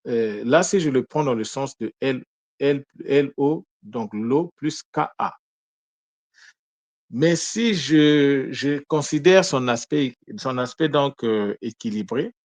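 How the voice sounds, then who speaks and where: A man of middle pitch teaches in a deliberate, explaining way, putting questions to his listeners and then answering them. He stops to correct himself now and then. The sound is dry and close. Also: no room sound. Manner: corrects himself mid-sentence. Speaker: teacher of Kikongo word meanings. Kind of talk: explanatory lesson talk.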